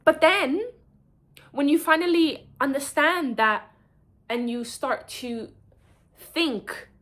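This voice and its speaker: A woman's voice: high voice, slow, fairly bright tone. Emphatic woman giving heart-to-heart advice. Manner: emphatic, chatty, mixes Arabic and French into English; calls the viewer honey and darling. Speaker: advice vlogger. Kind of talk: casual advice talk to camera.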